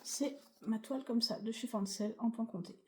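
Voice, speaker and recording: A woman's voice: fairly high pitch, normal speed, mellow, a little hiss or hum. A woman vlogging casually about her cross-stitch projects, rambling and chatty with many fillers. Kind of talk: casual chatty craft vlog.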